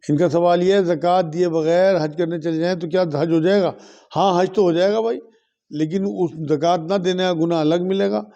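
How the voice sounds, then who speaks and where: A man from India speaks as an Islamic scholar in a religious question and answer session. He repeats each question aloud, then gives a firm, steady ruling in a fairly high but mellow voice. The recording sounds dull and lo-fi. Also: moderate pace, gravelly.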